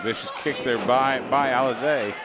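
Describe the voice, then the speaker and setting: A man with a mid-range voice and moderate pace provides live color commentary on a pro wrestling match as the second commentator. He's recorded in a noisy venue with the crowd audible behind him.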